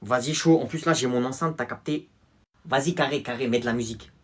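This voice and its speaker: Husky man in street-slang comedy sketch. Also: medium pitch, fast. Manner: casual French street slang. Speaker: sketch comedian playing several characters.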